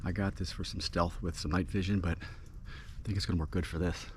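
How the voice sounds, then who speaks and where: A man casually narrating his camping vlog outdoors at night in an informal, halting, unhurried way. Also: low voice, fairly even intonation. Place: outdoors at night in cold, snowy woods. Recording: noisy outdoor recording with rustling.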